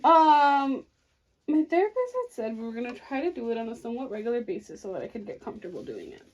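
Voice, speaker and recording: Young woman, higher voice, giggly sister-chat energy for a get-ready vlog. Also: big pitch swings, fast talker, darkish tone. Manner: giggly, chatty, breaks into laughter often. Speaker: co-host, sister.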